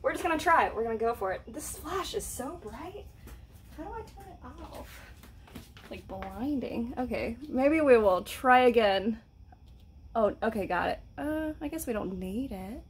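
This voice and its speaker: A woman's voice: a little high, expressive, normal speed, slight background noise. A woman chatting casually to camera while painting, giggly and self-mocking. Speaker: vlogger. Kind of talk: casual home vlog.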